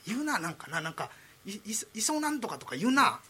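Rambling Kansai accompanist, a man putting it on in a comic rakugo tale, light and bright. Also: high-pitched, very animated, quick pace, slightly rough, full character voice. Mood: chatty. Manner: loose, rambling Kansai dialect. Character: casual Kansai-dialect shamisen accompanist backstage.

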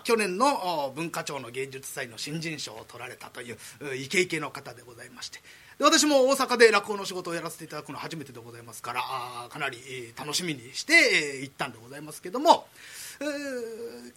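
Male rakugo storyteller, quick and humble-formal, laughs through his own tale. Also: sits high, bright, forceful tone. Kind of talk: comic rakugo monologue before an audience.

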